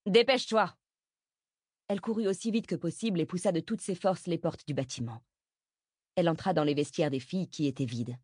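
A woman reading a novel aloud as audiobook narrator, steady and measured. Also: sits low, breathy edge, dry recording.

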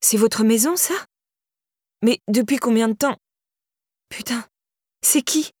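A blunt, streetwise young woman from an audiobook, loud in her exclaiming and swearing yet gentle with a stranger. A woman reader voices her in a raised, breathy voice. The recording is dry and close. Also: fairly high pitch, animated, a little fast, no echo. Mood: brash.

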